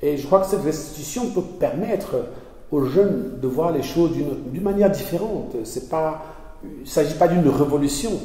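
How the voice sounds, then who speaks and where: In a conversational interview, a male essayist from Belgium speaks at moderate speed with a slightly high, warm voice and lively intonation. His delivery is earnest and halting, full of restarted phrases, and the mic picks him up from a distance in a reverberant hall.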